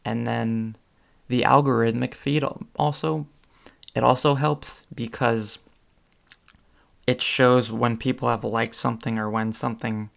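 In this casual solo podcast monologue, the young male host has a gravelly, medium-pitched voice. He wanders through his thoughts, often saying um and starting sentences over.

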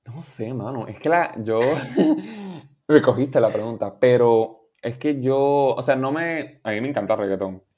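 Young man, Puerto Rican Spanish accent, musician guest, relaxed, rambling, mid pitch. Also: measured pace, breathy edge. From Puerto Rico. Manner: relaxed, rambling, restarts often, laughs easily, mixes in English words. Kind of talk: casual interview chat.

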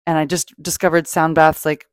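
A woman's voice: low voice, little pitch movement, a little fast, clean tone, no room sound, clean studio sound. A woman hosting a podcast, talking casually and off the cuff about self-help in a gushing, emphatic, sweary way. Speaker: podcast host. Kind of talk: casual spoken self-help talk, unscripted.

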